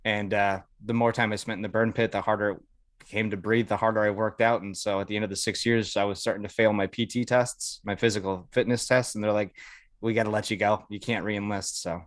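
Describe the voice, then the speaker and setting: Here a podcast guest, an American man who served in the Air Force, spins casual stories, cursing now and then and acting out bits of dialogue. He speaks fairly quickly in a fairly low voice with fairly even intonation, recorded with no room sound.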